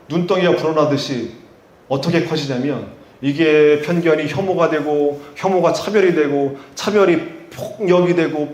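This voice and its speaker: A man with a high-pitched voice preaches in an echoey room. He is a pastor from Chungcheong, Korea, with a Chungcheong accent, and he questions the congregation rhetorically before surging to emphatic peaks.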